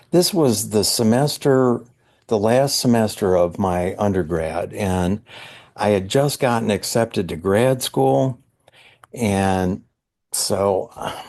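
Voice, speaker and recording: A man, a psychologist guest on a podcast, earnestly recounting a personal spiritual experience, often halting and searching for words. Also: lowish voice, mellow.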